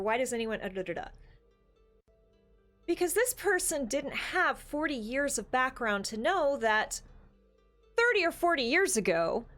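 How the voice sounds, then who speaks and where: A woman with a high-pitched, fairly bright voice co-hosts a podcast, joining a casual, opinionated discussion. She is talkative and emphatic, talking at length and building long explanations around rhetorical questions.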